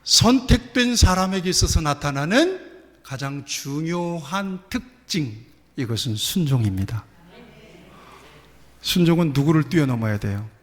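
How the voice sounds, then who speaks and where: A man's voice: on the high side, lively intonation, measured pace. A man, a church pastor, preaching a sermon in a conversational way, asking the congregation questions and acting out short prayers. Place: church sanctuary. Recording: long hall reverb.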